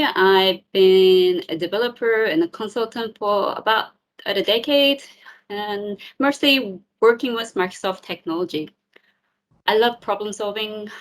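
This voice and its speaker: A friendly woman in her thirties gives a presentation at an online tech meetup. She sounds upbeat and a little informal, with the odd um along the way. Her voice sits slightly low for a woman. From South Korea, raised in New Zealand. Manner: friendly, upbeat, with filler ums. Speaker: tech community speaker. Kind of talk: presentation talk.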